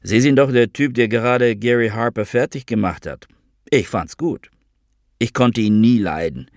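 A man's voice: mid-range voice, moderate pace, no echo, studio quality, pitched above the performer's own voice, lightly acted. A man reading an audiobook, voicing a grumpy older man who grumbles bluntly. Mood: gossipy.

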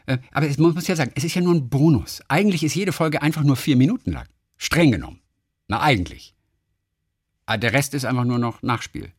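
A man's voice: medium pitch, animated, brisk, breathy edge, dry recording, clean studio sound. A man co-hosting a podcast in casual chat, reading listener mail aloud and joking. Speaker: podcast co-host.

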